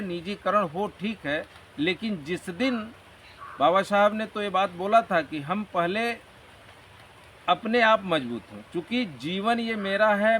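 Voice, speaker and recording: Man, higher-pitched, earnest motivational talker, recorded a bit off-mic with faint hiss. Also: a bit bright. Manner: earnest, motivational, rambling explanations. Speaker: interview guest. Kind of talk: conversational interview. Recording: distant mic with faint background noise.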